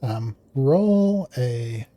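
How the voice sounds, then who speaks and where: A man running a tabletop game as game master, narrating in a relaxed, hesitant way with many fillers. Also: medium pitch, very slow.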